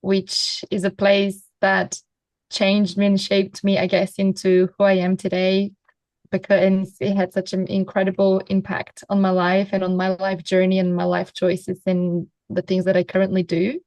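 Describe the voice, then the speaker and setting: A woman from Bulgaria, a Kundalini teacher, giving calm, flowing interview answers. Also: medium pitch, moderate pace, no echo. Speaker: guest.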